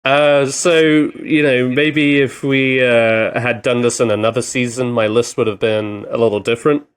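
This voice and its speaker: A man co-hosting a podcast in casual chat, talking in a rambling, halting way with many fillers. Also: medium pitch, steady tone, clear, resonant tone. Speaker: podcast co-host.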